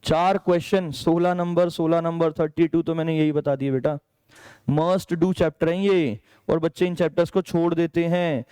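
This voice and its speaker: A man's voice: on the high side, flat delivery, fairly quick, few pauses, warm tone, smooth. A male maths teacher from India giving an exam strategy lesson, chatty, checking in with students as he goes and mixing English subject terms into Hindi. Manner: chatty, checks in with "ठीक है", calls students "बेटा".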